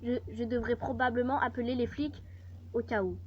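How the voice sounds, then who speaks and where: A woman hosting a gaming video, commenting casually and reading game text slowly with hesitant fillers, in a muffled lo-fi recording. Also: on the high side, fairly even intonation, a little hiss or hum.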